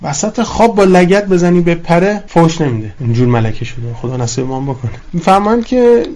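A man gives a religious ethics lecture, his voice a little higher than most men's. He speaks in a relaxed, conversational way, often shifts his pace, and weaves recited Arabic phrases into plain explanation. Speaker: cleric lecturer.

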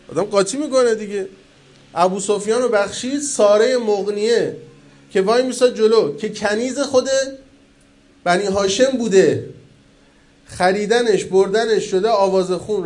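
Male preacher, high voice, colloquial sermon, rhetorical questions, loud peaks and hushed asides. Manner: swings between loud emphatic peaks and low quiet asides. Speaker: cleric preacher. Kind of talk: religious sermon.

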